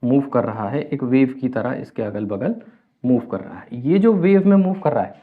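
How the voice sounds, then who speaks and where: Man, chemistry lecture, asks and answers himself, mid pitch, tinny phone-like audio. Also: lively intonation, moderate pace. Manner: explains step by step, asks and answers own questions; mixes English terms into speech. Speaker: chemistry teacher. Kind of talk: classroom lecture.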